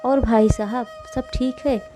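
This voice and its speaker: A woman plays a good-natured, naive village man in a devotional storybook tale. He greets people in a friendly, innocent way, in a slightly high, mellow voice. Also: fairly even intonation, slow pace, faint music behind. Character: simple-minded village man, cheerful and naive.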